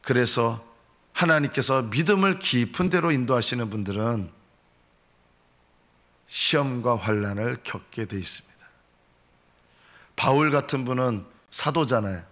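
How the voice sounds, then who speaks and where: Male pastor, middle pitch, sermon delivery; leaps up to mimic complaints, drops to hushed gravity. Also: lively intonation, measured pace, pauses often. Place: church sanctuary.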